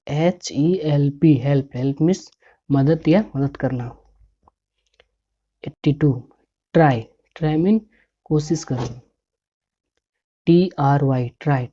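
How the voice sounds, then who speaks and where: A woman with a low voice runs a patient vocabulary drill. She spells each word letter by letter and says its meaning again and again at an unhurried pace. The recording sounds dull and lo-fi. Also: mellow. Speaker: English teacher.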